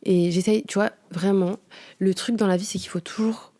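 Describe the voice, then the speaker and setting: A woman's voice: medium pitch, fairly even intonation, moderate pace, warm tone. A young woman, telling a story in a casual, slangy podcast chat with lots of fillers. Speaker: podcast host. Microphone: home podcast microphone.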